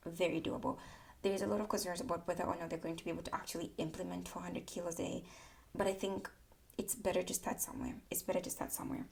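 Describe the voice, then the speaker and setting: Candid woman with a gravelly low voice. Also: little pitch movement, fast talker, darkish tone. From Tanzania. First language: not English. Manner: candid, repeats words for emphasis, self-correcting. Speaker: political commentary vlogger. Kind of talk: casual opinion monologue to camera.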